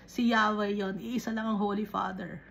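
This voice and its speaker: A woman's voice: mid-range voice, level tone, vocal fry, a little hiss or hum. A woman teaching a Bible lesson, often stopping to check that her listeners follow. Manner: unhurried, explaining with frequent checks on listeners. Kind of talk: Taglish Bible study teaching.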